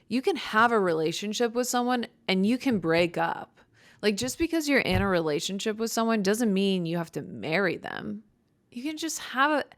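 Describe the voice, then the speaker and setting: A young woman from Chicago hosting her own podcast in casual, blunt, joking chat, with vocal fry and a dry voice. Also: medium pitch, fairly bright tone, dry recording. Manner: blunt, joking, swears freely. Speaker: podcast host.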